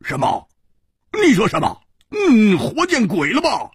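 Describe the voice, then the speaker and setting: A storyteller voicing a hot-tempered male swordsman who stammers and bursts into shouts. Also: a little high, huge pitch swings, moderate pace, creaky, husky, no room sound, clean studio sound, pitched above the performer's own voice, full character voice. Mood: furious.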